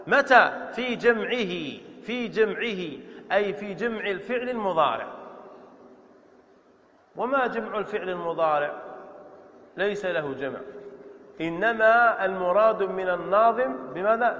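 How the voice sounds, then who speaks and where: A man's voice: high voice, sharp tone. A man teaching a grammar lesson to students in a lecture hall. He stretches out words, repeats them, and asks questions that he answers himself. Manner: explains slowly, repeating words and drawing out vowels. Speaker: Islamic scholar teaching Arabic grammar. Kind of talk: classroom lecture on grammar verse. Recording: dull echoey lecture-hall recording.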